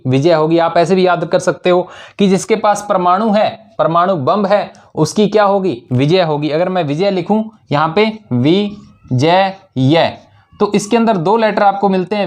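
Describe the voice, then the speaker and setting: A male teacher giving an exam-prep lesson with memory tricks, asking questions and answering them himself, and repeating key words for emphasis. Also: sits high.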